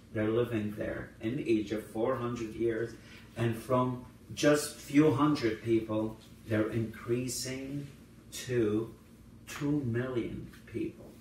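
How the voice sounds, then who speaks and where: Man, Assyrian native speaker, priest at Bible study, very slow, heavy room echo, distant mic, faint hiss. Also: mid-range voice. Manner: retells scenes, acting out quoted lines with rising emphasis. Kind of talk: informal Bible study teaching. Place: church hall. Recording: very echoey room, voice from far off, faint noise.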